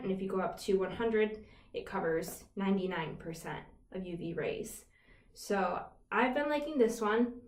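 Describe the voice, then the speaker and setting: A woman vlogger chatting casually about her skincare routine, rambling with fillers and asides. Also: medium pitch. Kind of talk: casual chat to camera. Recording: roomy echo, a little far from the mic.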